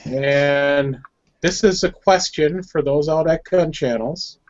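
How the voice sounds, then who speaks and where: A man's voice: on the high side, takes it slowly. A man with a Wisconsin accent hosting a casual group chat, talking loosely, stumbling over words now and then and laughing along. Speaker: host. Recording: dull lo-fi audio.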